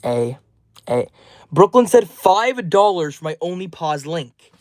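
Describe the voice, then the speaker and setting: A man's voice: on the high side, sing-song, measured pace, a little mellow, no echo. A twenty-year-old man live streaming, reading out chat names and answering each message in a friendly, upbeat way. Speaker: livestreamer.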